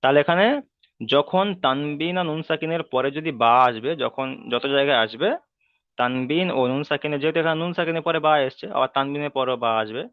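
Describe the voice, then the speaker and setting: A man teaching a Quran reading lesson, patiently repeating each rule, asking checking questions and chanting Arabic sounds slowly when he models them. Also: fairly high pitch, clear, resonant tone, dry recording. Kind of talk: online tajweed lesson. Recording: dry, tinny phone-like sound.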